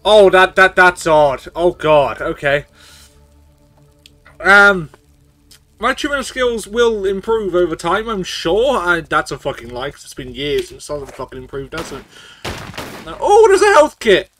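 A man's voice: high-pitched, a little slow, bright, forceful tone, no room sound, soft background music. A man streaming a video game, swearing and rambling as he gets tipsy from shots. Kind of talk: casual gameplay commentary.

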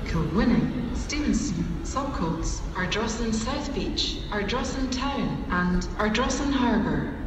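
A woman making scripted announcements on a train platform in measured, pieced-together phrases over a public address loudspeaker. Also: medium pitch. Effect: station public address loudspeaker. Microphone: distant recorder picking up platform loudspeakers. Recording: echoing station PA from far off, noisy. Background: clear station ambience noise.

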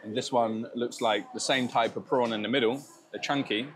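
A man's voice: mid-range voice, fairly even intonation, moderate pace, crowd noise. A man tasting and describing street food in a casual food vlog, chatty and enthusiastic, laughing at himself now and then. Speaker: food vlogger. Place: restaurant and bakery in Thailand.

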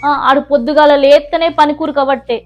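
A woman's voice: high voice, fairly even intonation, highs cut off, lightly acted. Woman playing a scolding Telangana mother-in-law. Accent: Telangana Telugu. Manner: taunting, scolding, drawn-out calls. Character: nagging sharp-tongued old mother-in-law. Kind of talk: comedy skit acting. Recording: background music.

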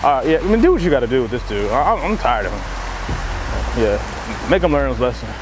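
The prankster host of a hidden-camera show, a young American man, stages a casual fake phone call on a campus walkway outdoors, talking in slangy, profane language. His voice sits at medium pitch, and he sounds very animated and brisk over a noisy background.

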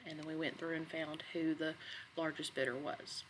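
A woman educator narrating a screen-recorded software tutorial in a relaxed, conversational way with some fillers. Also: low-pitched, normal speed, slight background noise, low-quality recording. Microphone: computer microphone, voice-over on screen capture.

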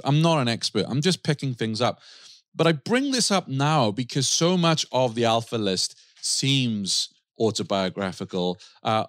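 A man's voice: fairly low pitch, a bit bright, no room sound, clean studio sound. A man hosting a podcast, giving a casual, enthusiastic book review with frequent restarts. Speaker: podcast host.

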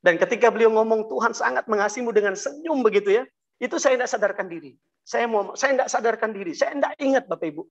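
A man telling his personal testimony to an audience, talking haltingly with many fillers and restarts and often addressing them directly. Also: high voice, lively intonation, muffled recording. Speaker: guest giving a testimony. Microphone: video call.

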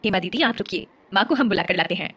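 A woman voicing a gentle, kind young bride who speaks calmly and respectfully. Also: medium pitch, fast, no room sound. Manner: soft, calm and respectful.

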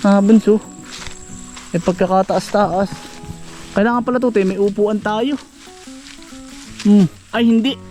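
A man's voice: high-pitched, fairly even intonation, a little slow, pauses often, dark tone, soft background music. A man vlogging outdoors in rural woodland, chatting casually and coaxing and cautioning someone as he goes. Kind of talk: casual outdoor vlog narration.

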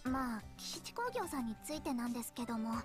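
Earnest, high-pitched office girl. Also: big pitch swings, fairly quick. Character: earnest polite young girl office worker. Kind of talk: visual novel voice acting. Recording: game music behind the voice.

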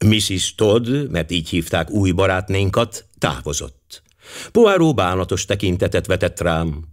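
A man narrating an audiobook in an expressive storytelling style. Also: low-pitched.

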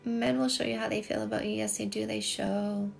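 Brisk and steady, a middle-aged Canadian dating coach talks in a gravelly, mid-range voice over soft background music. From a small shelved room at home, with a phone at arm's length, she livestreams casually, working through comments and emphasizing points by repeating them.

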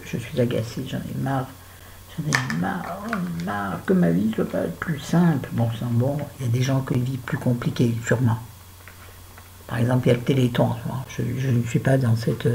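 A woman's voice: very deep voice, gravelly, dark tone, slight background noise, poor audio. A middle-aged woman vlogging while she does her make-up, chatting and telling a story with exasperated asides. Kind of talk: casual chit-chat while doing make-up.

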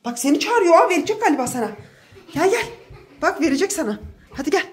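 A young woman who is a mother, talking in a casual family vlog in a coaxing, excitable way, with frequent gasps and exclamations. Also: high voice, fast.

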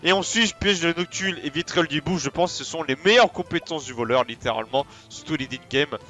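A man giving casual, excitable commentary on a video game, rambling with slang and many fillers. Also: on the high side, fairly quick, faint music behind. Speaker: let's play host.

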